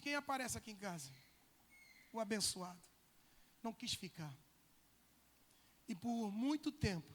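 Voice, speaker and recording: A male pastor, telling a personal testimony in a sermon, moving between loud bursts and hushed lines. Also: very high-pitched, big-room sound. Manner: emotional storytelling, swinging from loud to hushed.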